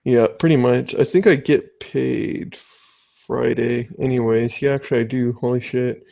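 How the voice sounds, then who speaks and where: A young man hosting a casual podcast, chatting excitedly and swearing often. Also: mid-range voice, moderate pace, gravelly, dull audio. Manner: excitable, swears a lot, animated. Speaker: podcast host.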